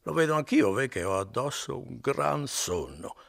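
Drunk young man, a male narrator puts him on: slurring, loud, raised pitch, husky rasp, audiobook. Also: expressive, moderate pace. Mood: sleepy drunk. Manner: slurred, loud outbursts, tipsy laughter. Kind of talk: audiobook character voice.

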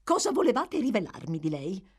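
An impatient, greedy matron of a workhouse, voiced by a woman narrator, firing off sharp, pressing demands. Her voice is pushed up high and loud, with lively swings in pitch. It suits a storybook reading. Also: a little fast, slightly rough.

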